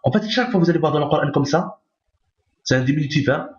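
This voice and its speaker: A man's voice: fairly high pitch, animated, quick pace. A man teaching a recorded Arabic reading lesson, patiently repeating each point and checking understanding. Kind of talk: recorded lesson explaining on screen. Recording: roomy, dull lo-fi recording.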